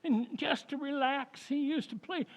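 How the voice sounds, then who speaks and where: Very high-pitched folksy old-timer. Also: male voice. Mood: jolly, folksy. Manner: drawn-out, folksy, chuckling. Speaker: amateur actor in a community playhouse radio recreation. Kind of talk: old-time radio comedy acting.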